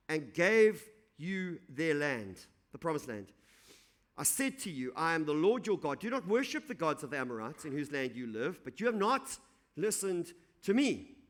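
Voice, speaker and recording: A man's voice: on the high side, fairly bright tone. A male pastor preaching an evening sermon, reading scripture aloud and then explaining it in a conversational, encouraging way. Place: church.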